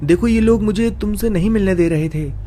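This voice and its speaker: A man's voice: high-pitched, a little fast, mellow, slight background noise, pitched above the performer's own voice, lightly acted. A man voicing the sad, stubborn ghost of a dead boy who has taken over a child, in a read-aloud horror story. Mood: pleading.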